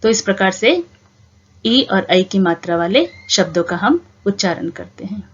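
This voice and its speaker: A woman teaching a reading lesson to young children, asking the class questions and answering them herself in a patient, drawn-out way. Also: medium pitch, slightly rough. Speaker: primary school teacher. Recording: dull lo-fi home recording.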